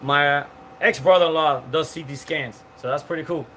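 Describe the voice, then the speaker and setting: There's a crowd behind this Cuban host in his forties as he streams live from an outdoor patio with palm trees. His voice sits on the high side with a steady tone and moderate pace. He rambles casually through comments, greets viewers by name, and fills his talk with fillers and restarts.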